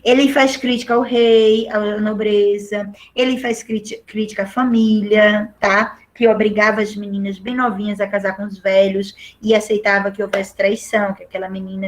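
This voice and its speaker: A woman's voice: mid-range voice, little pitch movement, moderate pace. A middle-aged Brazilian woman teaching a literature lesson, explaining patiently and often checking in with the class. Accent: Brazilian Portuguese.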